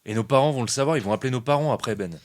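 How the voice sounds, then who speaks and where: A man playing a tabletop game, raising quick worried objections. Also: mid-range voice, no room sound. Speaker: player.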